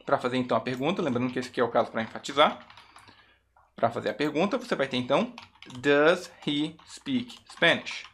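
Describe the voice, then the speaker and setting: Man, Brazilian English teacher, video lesson, middle pitch, slow clear repeated examples, frequent check-ins. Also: lively intonation, fairly bright tone, a little hiss or hum.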